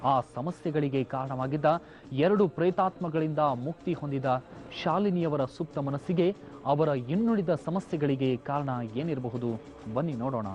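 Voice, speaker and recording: A man's voice: a little high, a little mellow, lo-fi sound. Formal male TV narrator. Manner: measured, formal voice-over. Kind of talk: scripted TV narration. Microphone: studio voice-over. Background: faint music.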